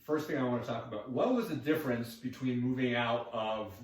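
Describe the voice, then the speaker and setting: A man hosts a casual podcast with quick, eager talk full of "bro" and "dude". His voice sits in the middle range and comes from a bit off-mic. The room around him rings with echo. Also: mid-range voice, recorded from a distance. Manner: quick, enthusiastic, bro-ish. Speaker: podcast host. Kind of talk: casual interview.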